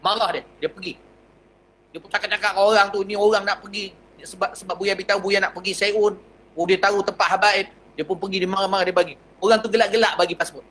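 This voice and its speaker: A Malaysian man with a Malay accent, a religious teacher telling a personal story in a lively, anecdotal lecture. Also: high voice, fast talker, poor audio. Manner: lively anecdotal telling, acts out dialogue, chuckles.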